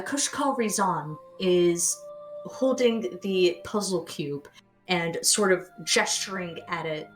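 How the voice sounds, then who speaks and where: Lower-voiced woman narrating as game master. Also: poor audio. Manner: descriptive, unhurried narration with fillers.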